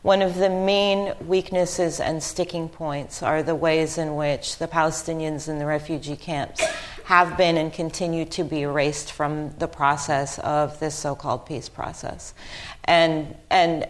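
Her tone stays steady as this Lebanese history professor, a panel speaker with a strikingly low voice, talks thoughtfully. She hesitates often, breaks off to restart sentences, and fills gaps with ums.

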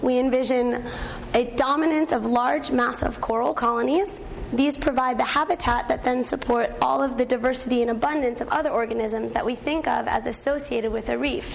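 A young woman with a hoarse, croaky frog voice, partly lost from talking, giving a scientific presentation as a graduate researcher. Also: on the high side, a little hiss or hum. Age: young adult.

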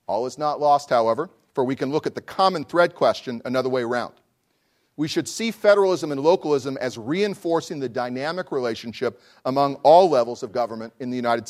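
Erudite man delivering a formal academic lecture. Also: mid-range voice. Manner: erudite, formal, deliberate phrasing with rhetorical questions. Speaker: law professor giving a lecture. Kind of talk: formal academic lecture, read from a prepared text.

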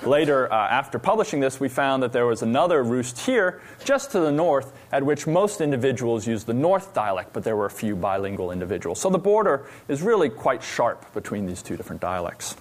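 A man researcher giving an academic lecture on a stage, explaining slides with frequent pauses and fillers. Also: medium pitch, very animated.

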